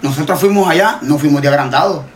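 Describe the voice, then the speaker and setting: Man, Honduran accent, high-pitched, heated casual rant, swears a lot, repeats himself. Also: fast talker, slight background noise. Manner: emphatic, repetitive, swears freely. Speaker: TikTok creator.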